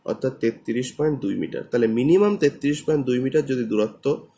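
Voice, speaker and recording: A husky-voiced man gives a physics lesson at an unhurried, patient pace. He repeats every number and step so his students can follow. His voice sits at an ordinary middle pitch. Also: dark tone. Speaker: physics teacher.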